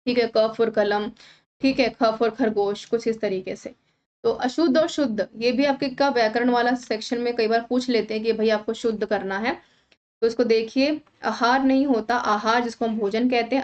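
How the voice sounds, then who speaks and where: Woman teacher going thru exam questions, keeps checking in, kinda high voice, dull sound. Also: darkish tone. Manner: talks viewers through questions, often saying "thik hai". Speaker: teacher preparing exam candidates. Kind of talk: explanatory exam-prep lesson.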